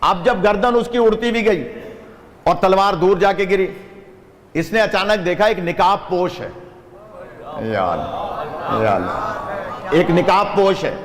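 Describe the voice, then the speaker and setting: Preacher man in an echoing hall. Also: sits high. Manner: lively narration with audience asides. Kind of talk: sermon storytelling. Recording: reverberant hall.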